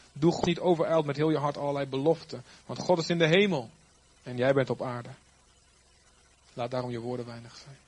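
A man preaching a sermon, swinging from loud, emphatic lines to quiet, trailing ends. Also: fairly high pitch.

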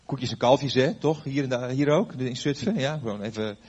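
Older male pastor with a husky voice, chatty storytelling sermon, dull lo-fi recording. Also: medium pitch, normal speed, a little mellow. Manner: conversational storytelling with fillers and questions to the audience. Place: before a live audience.

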